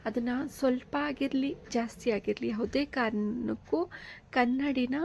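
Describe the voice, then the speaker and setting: A woman's voice: on the high side, measured pace, vocal fry, a little mellow, slight background noise. A woman hosting a channel, giving casual household advice in a chatty way, with frequent fillers and checks for agreement.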